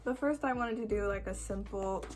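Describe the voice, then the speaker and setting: A 21-year-old woman with a croaky voice, chatting casually to camera in a rambling, self-deprecating way with dramatic emphasis. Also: medium pitch, moderate pace. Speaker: video creator answering follower questions.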